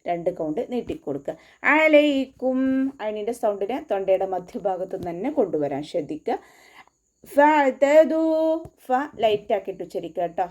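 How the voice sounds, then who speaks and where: A woman teaching Quran recitation, going slowly line by line and explaining where to place the lips and tongue for each sound. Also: lowish voice, dark tone. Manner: patient and methodical, gives mouth and tongue placement cues. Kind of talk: tajweed lesson, slow line-by-line instruction.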